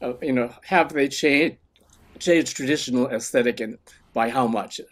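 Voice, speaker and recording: A man's voice: medium pitch, normal speed. A man at an online conference asking the keynote speaker a long question, searching for words and restarting as he frames it. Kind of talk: spoken question on a video call.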